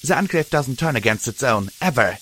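A man's voice: medium pitch, lively intonation, fairly quick, sharp tone, poor audio. A man voicing a proud, hostile female pegasus soldier who talks with scorn. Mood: scornful. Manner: hissing, scornful.

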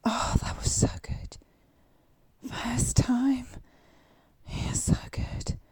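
A woman whispering intimately in an audio roleplay, with soft moans between her lines. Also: a little high, little pitch movement, drawn-out words, slightly rough, dry recording.

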